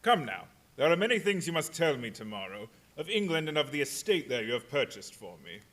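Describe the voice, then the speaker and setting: A man playing a menacingly courteous vampire count in a radio drama, speaking theatrically with slow, deliberate, false politeness. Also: a little high, big pitch swings, a bit bright. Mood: courteous, sinister. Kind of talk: live radio drama acting.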